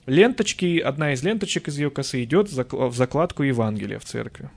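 A man from the Urals, a folklorist guest, telling stories of old customs in a lively casual interview, acting out quotes. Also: medium pitch, fast, gravelly. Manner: lively, storytelling with acted-out quotes.

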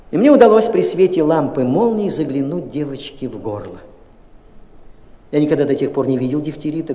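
A man giving a dramatic literary reading, expressive and tense, swinging between loud and hushed. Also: medium pitch. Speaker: audiobook narrator. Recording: roomy, long reverb.

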